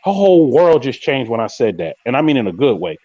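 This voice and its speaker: A man hosting a live podcast, chatting casually and telling stories in a slangy, animated way, acting out quoted lines. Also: medium pitch, fast, no echo, muffled recording. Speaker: podcast host. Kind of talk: casual live-stream chat.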